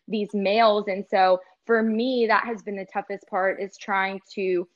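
With a steady tone and measured pace, this mid-range female sports host and reporter answers a casual podcast interview earnestly, filling her speech with "like" and "you know." The highs in the audio are cut off.

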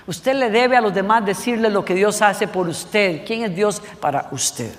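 A man's voice: high-pitched, unhurried, big-room sound. A young man, a worship leader, preaching a sermon with emphatic direct address to listeners, his force rising and falling.

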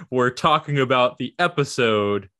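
A man's voice: medium pitch, lively intonation, a little slow, a bit bright, no echo, studio quality. A man co-hosting a tabletop game podcast in casual chat, rambling and laughing. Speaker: podcast co-host.

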